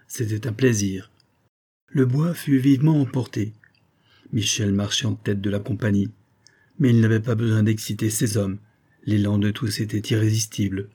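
A man narrating a classic novel aloud, measured, raising his voice for the characters' lines. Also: fairly low pitch, dark tone, husky. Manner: measured, lifts voice for dialogue. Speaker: audiobook reader.

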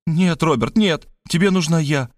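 Speaking at a moderate pace and acting only lightly, a man gives voice to a doting middle-aged woman who pleads with dramatic, gushing exclamations. Her lines come out high-pitched and pathetic. It's an audiobook character voice recorded in a clean, echo-free studio.

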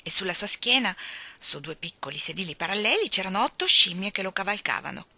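A woman reading a children's storybook aloud, expressive and giving each animal its own voice. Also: mid-range voice, a little fast, no room sound. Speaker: audiobook reader.

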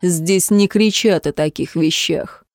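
A woman voicing a cocky young man from the slums who speaks quietly, curtly and with dead calm, in an audiobook reading. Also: lowish voice, takes it slowly, dry recording, clean studio sound. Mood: cold.

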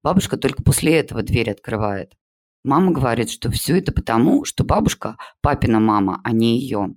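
A man's voice: medium pitch, very animated, brisk, darkish tone. A man voicing a chatty schoolgirl who rambles on about her family. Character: chatty schoolgirl, a fussy little girl.

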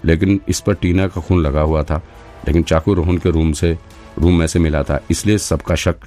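A man's voice: low voice, fairly even intonation, normal speed, dark tone, faint music behind, close to an everyday voice. A man voicing a nervous, desperate male suspect who stammers and pleads, in an audiobook. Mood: stammering.

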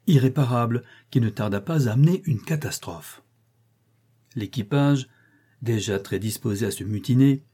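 Husky-voiced male storyteller. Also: mid-range voice. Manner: expressive, theatrical reading. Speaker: audiobook reader. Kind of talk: literary story narration.

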